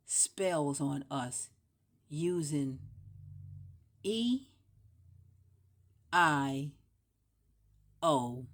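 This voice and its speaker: A woman talking in a casual, rambling monologue, repeating words over and over for emphasis and jumping between shouting and near-whispers. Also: a bass voice, gravelly. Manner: breaks into playful shouts and drops to a whisper.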